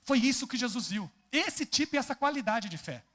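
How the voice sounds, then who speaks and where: Animated Brazilian pastor preaching. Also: male voice, extremely high pitch, a little fast. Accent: Brazilian Portuguese. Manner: animated, often asks the congregation questions. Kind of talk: expository sermon. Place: church.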